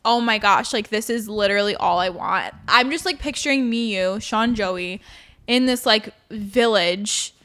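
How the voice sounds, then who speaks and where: A woman's voice: a little slow, fairly bright tone. A woman chatting casually as a show co-host, with gushing, emphatic millennial girl-talk full of filler slang. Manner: millennial girl-talk, peppered with "like", "literally", "low-key". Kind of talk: casual chat.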